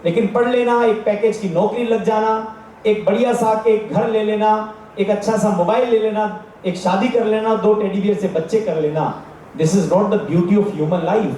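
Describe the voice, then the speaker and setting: A man's voice: sits high, moderate pace, dark tone, slight background noise. A man with a Rajasthani accent giving an earnest religious discourse to a gathering, exhorting his listeners. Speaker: spiritual speaker. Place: large gathering space. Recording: echoey from far off.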